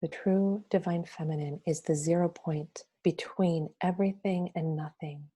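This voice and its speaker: A woman leading a guided meditation in a soothing, reverent, goddess-like manner, softly and with a hushed delivery. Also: fairly low pitch, steady tone, measured pace. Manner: soft, breathy, hushed, drifting at times toward a whisper.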